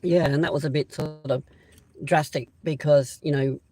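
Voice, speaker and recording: An Australian man hosting a casual live-stream chat outdoors beside a railway siding, rambling and hesitant with lots of pauses and restarts. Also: on the high side, steady tone, darkish tone, poor audio. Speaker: channel host.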